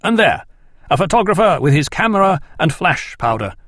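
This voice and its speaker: A man's voice: a little high, big pitch swings, normal speed, a bit bright, dry recording, studio quality, pitched above the performer's own voice. A man voicing a brusque, impatient male detective. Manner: curt, impatient.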